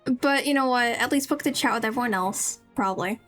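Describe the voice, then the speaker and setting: This livestreamer talks fairly quickly, her voice fairly high and bright, as she casually narrates her gameplay and rambles to the people watching. There's game music in the background.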